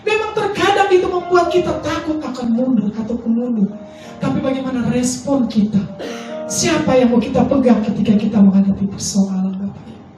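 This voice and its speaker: High-voiced woman preaching in an echoey hall. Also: expressive, brisk, dark tone, recorded from a distance. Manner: emotional testimony, pleading prayers, sometimes sing-song. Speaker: pastor. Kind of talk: sermon. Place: large church hall. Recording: echoey church hall from afar, faint music.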